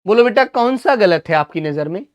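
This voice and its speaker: A man's voice: high-pitched, animated, a little fast, highs cut off. A man teaching Hindi grammar in an online exam-prep class, who asks his students questions, answers them himself, and calls them son and brother.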